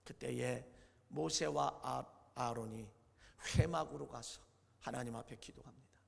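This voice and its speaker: A man pastor preaching a Sunday sermon, retelling scripture dramatically with acted quotes, moving between loud outbursts and low hushed lines. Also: measured pace, gravelly, slightly rough, long reverb tail. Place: church sanctuary.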